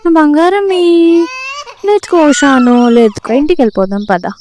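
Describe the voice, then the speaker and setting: A woman's voice: sits high, very animated, moderate pace, darkish tone, slight background noise. A woman playing a tender, worried young mother. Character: young anxious mother of a baby. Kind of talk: short film acting.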